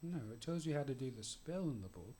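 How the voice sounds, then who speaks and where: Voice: mid-range voice, animated, warm tone, slight background noise, lightly acted. A game master doing a nervous young spellcaster. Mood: defensive. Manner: hesitant, halting with fillers.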